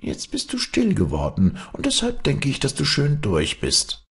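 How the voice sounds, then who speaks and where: A man's voice: fairly high pitch, wildly swooping pitch, measured pace, vocal fry, breathy edge, voice pushed up, exaggerated voice. A man reading a storybook, voicing a cunning, boastful trickster who mocks his foes. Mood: sly. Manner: mocking, gleeful taunting.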